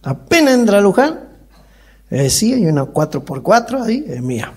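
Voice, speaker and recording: A man doing a rambling stand-up monologue as a country character. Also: normal speed. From Mendoza, Argentina. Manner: rambling rustic storyteller, animated high voice. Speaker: comedian in character. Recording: live show recording with faint noise.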